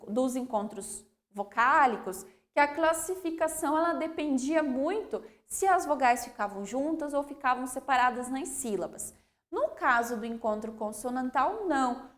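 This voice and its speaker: Brazilian woman, primary teacher, high voice, unhurried delivery, keeps checking in with pupils. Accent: Brazilian Portuguese. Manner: checks understanding with frequent "ok?" and "né?", sounds out words slowly. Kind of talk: slow, clear classroom explanation.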